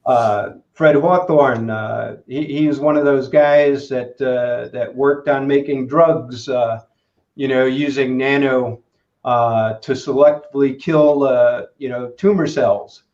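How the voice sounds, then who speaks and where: A man answering interview questions as a materials expert, halting and full of fillers. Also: medium pitch, steady tone, darkish tone. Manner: halting, many "uh" and "you know" fillers. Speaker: guest expert in materials engineering. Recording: roomy, dull lo-fi sound.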